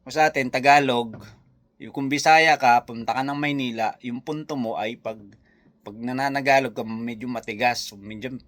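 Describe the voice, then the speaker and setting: A man's voice: mid-range voice, steady tone, normal speed, a bit bright. A Filipino man with a Visayan accent, chatting casually and rambling through viewer comments as a vlogger. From Philippines. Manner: rambling, chatty, full of fillers and asides. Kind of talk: casual chat. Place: New Zealand.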